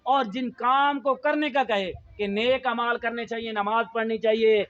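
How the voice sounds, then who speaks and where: High-voiced man teaching children. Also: fairly even intonation, a bit bright, lo-fi sound. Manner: call-and-response, prompting children to finish sentences. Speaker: Quran teacher. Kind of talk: children's Quran lesson.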